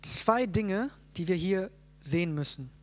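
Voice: mid-range voice, lively intonation, a little slow. A Bible teacher explaining scripture to a group, often checking in with "ja?" and thinking aloud with fillers and restarts. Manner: checks in with listeners, frequent "ja?".

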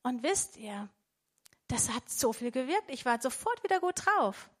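A woman's voice: high voice, big pitch swings, a little slow. A woman preaching a devotional sermon in a conversational way, often checking in with her listeners.

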